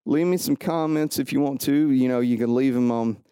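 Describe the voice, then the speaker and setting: A man's voice: mid-range voice, normal speed, warm tone, clear, resonant tone, dry recording, clean studio sound. A man hosting a solo podcast, rambling goofily and joking at his own expense. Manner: self-mocking, goofy, rambling. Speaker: podcast host.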